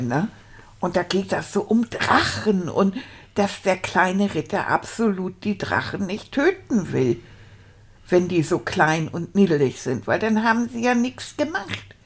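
A woman's voice: medium pitch, darkish tone, breathy edge, exaggerated voice. A woman voicing an eager, childlike male character who stumbles through a storybook, sounding out hard words syllable by syllable. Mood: chatty. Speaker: storyteller reading aloud. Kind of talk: children's show reading.

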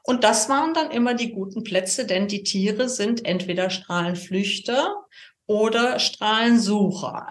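A woman from Cologne with a Cologne accent, a cheerful guest explaining things in a podcast interview with many fillers. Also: mid-range voice. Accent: Cologne German. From Cologne, Germany. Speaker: geomancy guest. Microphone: camera set-up.

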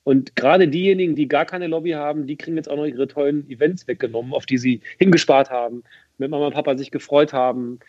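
A talkative man in his thirties speaks as a podcast guest, his voice somewhat husky and a touch higher than most men's. He chats loosely, restarting sentences and piling on fillers. The sound is dry and a little dull, like modest podcast audio. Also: steady tone, fast, a little mellow, dry recording. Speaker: guest, event presenter. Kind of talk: casual podcast conversation.

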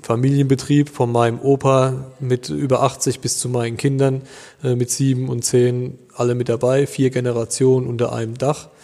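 This is a German man in his thirties, a winemaker, taking interview questions with a laid-back, halting delivery packed with fillers. His mid-range voice moves at normal speed with some vocal fry, and a long reverb tail trails behind it.

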